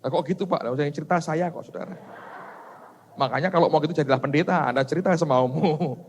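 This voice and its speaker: A man's voice: on the high side, quick pace, slight background noise. A male pastor tells a story in a sermon, joking and speaking directly to the congregation. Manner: animated, joking, addressing the congregation.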